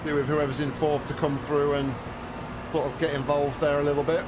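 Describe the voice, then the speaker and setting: A man giving calm, casual commentary as he plays a racing game, muttering observations as he drives. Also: on the high side, fairly quick. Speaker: sim racing streamer. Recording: loud engine noise over voice. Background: loud race car engine noise from game.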